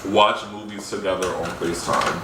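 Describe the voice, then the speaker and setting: A man's voice: deep voice, fairly quick, pushed and bright. An American man hosting a casual vlog, chatting with a friend in a playful, slangy, campy way. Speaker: host of a casual mukbang vlog. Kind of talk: casual chat between friends. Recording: echoey, noisy room, distant mic.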